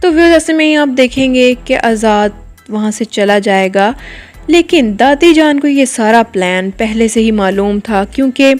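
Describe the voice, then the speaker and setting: A woman reviewing a drama episode, retelling the plot to her viewers in a steady storytelling manner with occasional hesitations. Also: fairly high pitch, moderate pace, soft background music.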